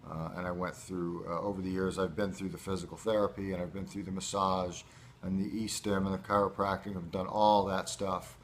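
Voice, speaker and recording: Low-pitched man, casual halting vlog talk. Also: flat delivery, slight background noise. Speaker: patient recording a recovery update. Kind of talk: casual first-person vlog.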